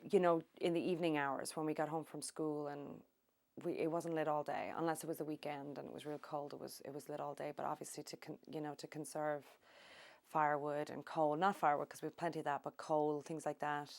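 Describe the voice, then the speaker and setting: Low-voiced Irish-born woman reminiscing. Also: level tone, vocal fry, a little mellow. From Ireland. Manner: unhurried, thoughtful, with many ums. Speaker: oral history interviewee. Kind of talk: reminiscing interview.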